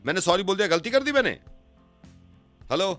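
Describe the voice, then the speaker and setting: A man hosting a radio prank call, switching between begging apologies and loud scolding. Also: high-pitched, lively intonation, fairly quick, faint music behind. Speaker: radio host making prank calls.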